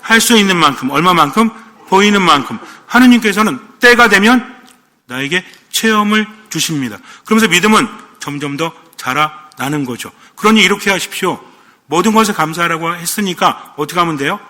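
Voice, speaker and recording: Bright-voiced priest in a reverberant hall. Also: male voice, sits high, expressive, fairly quick. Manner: asks the congregation questions, playful asides. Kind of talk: sermon.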